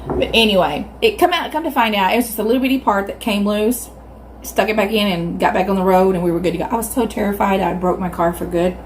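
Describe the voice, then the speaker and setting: A middle-aged woman with a Southern US accent tells stories casually while chewing her food. She is animated and acts out reactions, speaking at a medium pitch. There is clear noise in the background. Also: fast, rough recording. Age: 50s. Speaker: mukbang video host. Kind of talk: casual storytelling to viewers.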